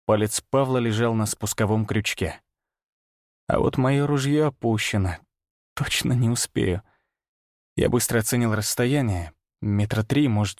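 A man narrating a first-person story in a tense, hushed, steady manner. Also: fairly low pitch, no room sound, clean studio sound.

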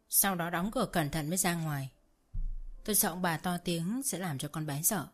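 A woman narrating a first-person family drama, reading all the characters' lines herself with light shifts for each. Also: fairly low pitch. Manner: reads all parts herself with light shifts for quoted voices.

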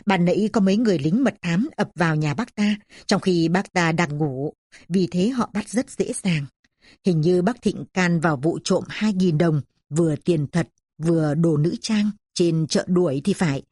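A woman voicing a middle-aged neighbor who calmly passes on news and gossip. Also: fairly low pitch, normal speed, breathy edge, no room sound, clean studio sound.

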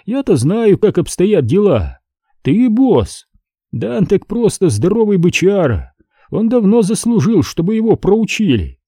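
A man's voice: sits high, sing-song, measured pace, dark tone, slightly rough, no echo, clean studio sound, voice pushed up, heavily acted. A man voicing an eerie, friendly dead brother who talks in a coaxing, lazily smiling way.

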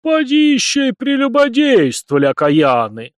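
A stern old village priest, put on by a male audiobook reader, booming and slow as he scolds in churchly phrases. The pitch swings widely from line to line. The recording is dry and close. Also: expressive, no echo, close to an everyday voice. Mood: scolding.

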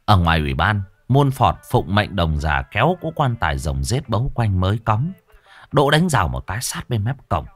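A man narrating a comic folk tale in a lively, colloquial way. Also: on the low side, moderate pace, no room sound, soft background music. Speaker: storyteller.

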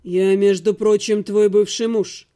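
A brooding, intense male necromancer, as a woman reader puts him on for an audiobook. His voice sits far below her own and sounds husky and set apart. He speaks slowly and heavily. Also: level tone, close to an everyday voice. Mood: cold measured. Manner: shouting in despair, then low and insistent. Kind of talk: audiobook character voice.

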